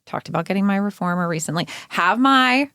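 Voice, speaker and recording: A woman's voice: medium pitch, expressive, a little fast, pushed and bright, clean tone, dry recording, studio quality. A middle-aged woman co-hosting a casual podcast, talking animatedly and slipping into baby talk now and then. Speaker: podcast co-host. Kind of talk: casual chat. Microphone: studio microphone.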